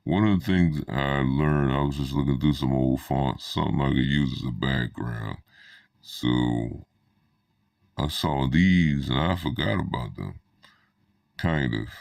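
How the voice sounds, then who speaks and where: A man talking through a voice changer that drops his voice very deep, rambling hesitantly with many fillers in a casual spoken monologue. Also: a little slow, creaky, a little mellow, no echo, clean studio sound. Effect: voice changer shifting the pitch very deep.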